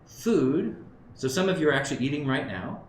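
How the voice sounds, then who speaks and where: His voice runs a little high with big pitch swings, and he talks a little fast. He's a Southern Californian in his fifties giving a chatty conference talk in a conference room, frequently checking in and thinking aloud before a live audience, captured in a roomy recording with faint background noise.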